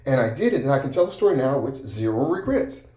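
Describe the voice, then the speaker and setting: A man's voice: medium pitch, big pitch swings, fast talker, dark tone. Man telling a story in an echoey room. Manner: conversational, repetitive storytelling with restarts. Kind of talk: personal storytelling talk.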